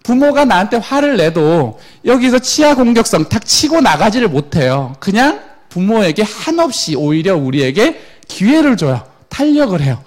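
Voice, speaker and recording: A middle-aged man giving a lecture to parents, animated, acting out quoted parents and children. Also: high-pitched, normal speed.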